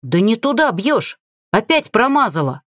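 A woman's voice: fairly high pitch, very animated, unhurried, a bit bright, dry recording. A woman voicing a cowardly female crow familiar who talks in a nervous, reproachful way. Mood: anxious.

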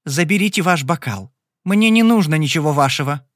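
A man voicing a spiteful young woman card sharp in an audiobook, in a shrill, indignant manner. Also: lively intonation, fairly quick, no room sound, clean studio sound, lightly acted. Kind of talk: audiobook character voice.

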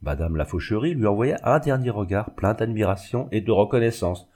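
Low husky male audiobook narrator. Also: lively intonation, mellow. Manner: measured, literary reading.

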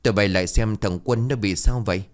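A man's voice: lowish voice, fast talker, natural voice. A man doing a worried older uncle.

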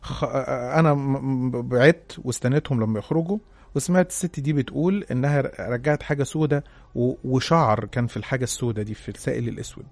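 A man's voice: mid-range voice, fast talker, no echo. A man with an Egyptian accent narrating a listener's horror story in the first person. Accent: Egyptian Arabic.

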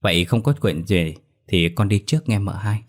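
A man voicing a sly young male servant who speaks softly and coaxingly in a ghost story reading. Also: fairly low pitch, normal speed. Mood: deferential. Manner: soft, coaxing.

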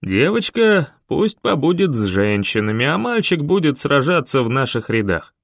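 A man voicing a calm, stern older leader who speaks in a measured, grave way. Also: medium pitch, gravelly, no echo, clean studio sound.

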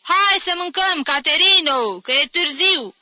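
A woman's voice: animated, sharp tone, no room sound. A woman reading aloud, voicing a fussy spinster housekeeper of about fifty who calls out shrilly. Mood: shouting. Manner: shrill calling, fussing.

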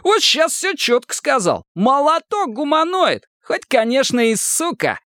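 Man voicing a crude loud young soldier, high and jumpy. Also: wildly swooping pitch, unhurried, no room sound, clean studio sound, full character voice. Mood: excited.

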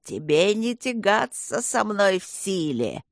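Woman doing a creepy creaky demon voice in a little girl, slow, mocking, menacing. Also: mid-range voice, sing-song, no room sound, clean studio sound, full character voice. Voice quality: creaking, droning, inhuman. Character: demonic evil voice possessing a young girl.

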